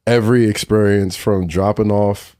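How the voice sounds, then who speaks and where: Laid-back slangy man, low voice. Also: fairly even intonation, moderate pace, dark tone, clear, resonant tone, dry recording, clean studio sound. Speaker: podcast guest. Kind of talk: casual chat.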